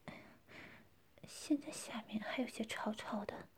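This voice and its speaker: Brief: woman playing a restless married daughter-in-law, high breathy whisper, whispered role-play, sighing and intimate. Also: a little slow. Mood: breathy longing.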